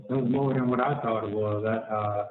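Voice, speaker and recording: Man, prison phone line, tinny and echoey, faint noise, halting repetitive talk. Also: on the low side, steady tone. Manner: halting, repeats himself. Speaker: inmate on a jail call. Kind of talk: phone conversation.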